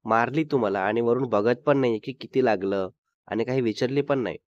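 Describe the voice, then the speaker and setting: A man's voice: mid-range voice, normal speed, dry recording, natural voice. A man voicing a playful young boyfriend who teases and pleads with his girlfriend. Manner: teasing, pleading. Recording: dull dry sound.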